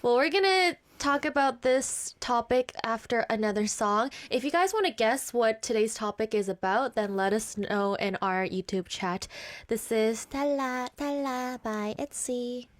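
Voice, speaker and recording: A woman's voice: a little high, animated, unhurried, dry recording. Teasing young woman radio host. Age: 20s. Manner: teasing, blunt and playful. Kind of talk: casual on-air chat.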